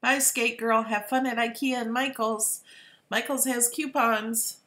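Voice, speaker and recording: A woman's voice: on the high side, steady tone, a little slow, sharp tone. A woman hosting a live stream, talking casually and thinking aloud as she replies to viewers. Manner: chatty, informal, thinking aloud.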